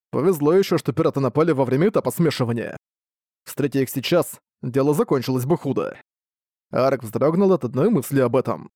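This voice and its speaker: Steady male audiobook narrator, dry sound. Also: mid-range voice, no room sound. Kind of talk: scripted narration.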